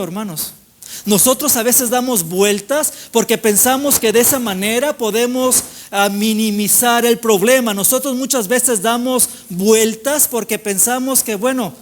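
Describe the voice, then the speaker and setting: A man preaching a sermon to his congregation, in a repetitive cadence that falls softer at the end of each phrase. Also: high voice. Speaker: pastor.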